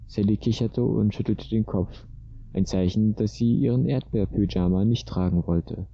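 A man reading a story aloud as narrator in a steady, even way, on a dull lo-fi recording. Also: on the low side, normal speed, no room sound.

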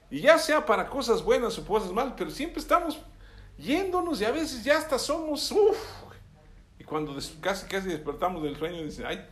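A man preaching a sermon, telling stories and acting out the voices in them. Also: high voice. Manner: animated storytelling, acts out quoted voices.

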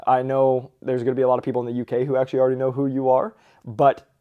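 A man's voice: medium pitch, completely flat delivery, very fast, phone-quality sound. A man hosting a podcast in casual talk, pronouncing his r sounds like w. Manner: says w for r. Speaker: podcast host.

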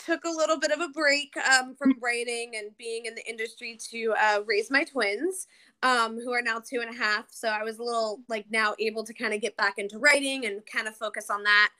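On poor audio, a woman in her early thirties from New Jersey, United States, talks fairly quickly in a slightly high, steady voice that comes across bright and forceful. It's casual, rambling interview chat as a podcast guest, full of "like."

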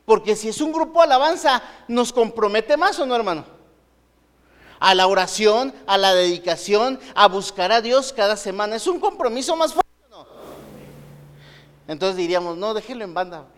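A man's voice: high-pitched, lively intonation, normal speed, long reverb tail. A man preaching a sermon in a conversational manner, often asking the congregation rhetorical questions. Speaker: pastor.

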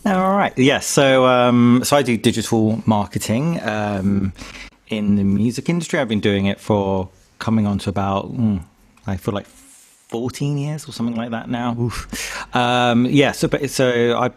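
A man co-hosting a podcast, chatting casually in a halting, hesitant way. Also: mid-range voice. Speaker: podcast co-host, digital marketer. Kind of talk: casual chat about career.

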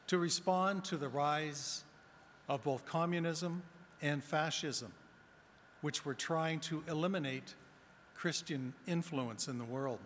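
A man serving as deacon, reading the Gospel and preaching a homily in a measured, deliberate way, his voice carrying a cathedral-like echo in a large church. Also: on the high side, fairly bright tone. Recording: long church reverb, faint room noise.

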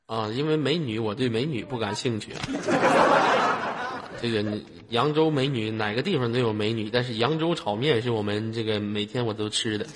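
A man with a Northeastern Chinese accent hosts a call-in show in a casual, teasing, laugh-prone manner. His medium-pitched voice rings with long reverb over loud noise. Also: moderate pace. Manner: teasing, jokey, often laughing. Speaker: host of a live call-in show. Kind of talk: joking casual chat with callers.

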